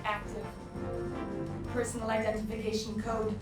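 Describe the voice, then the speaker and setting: Flat mech computer in canyon echo. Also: female voice, normal speed. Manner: flat, clipped machine-like delivery. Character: calm female mech computer system. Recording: game audio with loud music, deep echo, distant.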